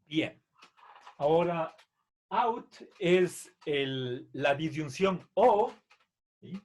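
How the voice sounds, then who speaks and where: A man lectures on philosophy in an unhurried, explanatory way. His voice sits fairly high for a man, and he speaks slowly. He pads his sentences with fillers and keeps checking that his students follow. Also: animated, darkish tone. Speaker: philosophy teacher.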